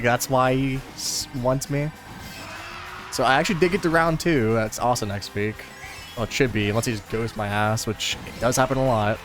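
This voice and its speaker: A young man chatting casually while playing a racing game, telling a rambling story full of fillers. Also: medium pitch. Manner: rambling, laid-back storytelling with many fillers. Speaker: gaming video host. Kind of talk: casual chat over gameplay.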